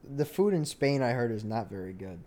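A man's voice: mid-range voice, lively intonation, brisk, warm tone. A young American man in casual, slangy banter with friends, peppering his talk with bro. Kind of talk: casual chat.

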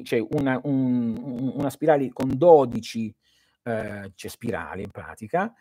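A man's voice: medium pitch, dark tone, no echo, studio quality. A man hosting a live stream as a spiritual teacher, answering viewers' questions in an earnest, didactic way and speaking straight to his listeners.

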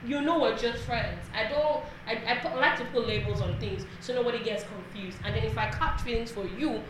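A woman speaks frankly and with self-assurance in a casual group chat, her voice a little higher than most. The room is very echoey, with clear background noise behind her. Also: fairly quick. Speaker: panelist.

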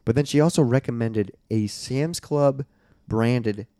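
A young podcast co-host rambles and swears a lot in casual chat, his voice scratchy and nearly giving out. He speaks at a medium pitch and measured pace with a mellow sound and no echo.

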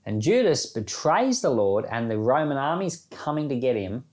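This man's voice is medium-pitched and darkish, with a sing-song lilt at a normal speed. As a pastor on a Bible podcast, he offers commentary and prayer in an informal, reflective devotional talk, using plain, conversational language and explaining things with everyday examples.

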